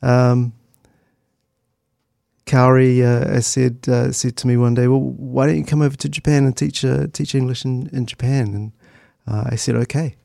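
With a mid-range, creaky voice and a dark tone, a middle-aged New Zealander from Christchurch looks back on earlier times during an interview. He keeps a level tone and talks conversationally, in a hesitant, halting, thoughtful manner. The clean studio sound carries no room sound.

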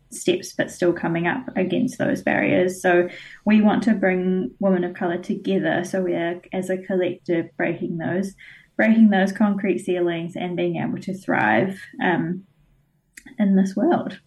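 A woman's voice: lowish voice, darkish tone, far from the mic, low-quality recording. New woman organizer, chatty interview guest, laughs easily, a little off-mic. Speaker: conference organizer. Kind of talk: casual interview answers.

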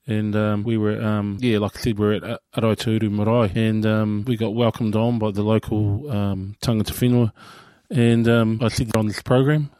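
A man's voice: lowish voice, little pitch movement, normal speed, hardly any pauses, dark tone, clean tone, no echo. A man hosting a community radio interview in a studio, friendly, with frequent short backchannel replies. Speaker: radio host.

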